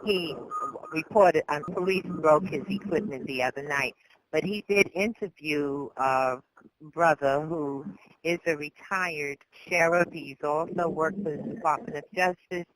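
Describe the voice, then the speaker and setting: A man's voice: on the high side, measured pace, fairly bright tone, slight background noise, low-quality recording. A man from New York on a call-in discussion, earnestly recounting a long report.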